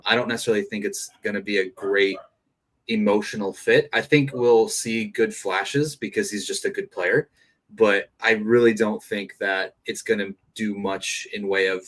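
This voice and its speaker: Polish-born dude with a lowish voice, calm football takes on a live stream. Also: male voice. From Poland. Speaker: watchalong co-host. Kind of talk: casual live football watchalong chat.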